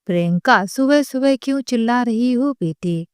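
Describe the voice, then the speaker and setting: A woman voicing a frail, anxious elderly mother-in-law who speaks softly with a trembling voice. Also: fairly high pitch, lively intonation, normal speed, clean tone, dry recording, studio quality, lightly acted. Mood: pleading, gentle. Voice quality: trembling, soft-spoken.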